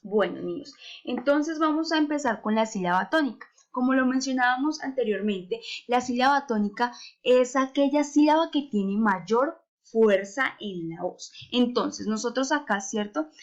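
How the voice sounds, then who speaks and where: A woman's voice: on the high side, moderate pace, muffled recording. A woman teaching a remote lesson to young children, patiently asking rhetorical questions and drawing out words to stress their syllables. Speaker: primary school teacher.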